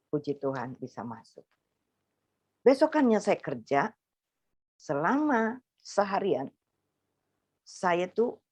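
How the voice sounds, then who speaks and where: Animated woman telling her testimony. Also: no room sound, lo-fi sound. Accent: Makassar Indonesian. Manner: animated storytelling, acting out dialogue with big pitch jumps. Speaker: convert giving testimony. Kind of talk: personal testimony to a congregation.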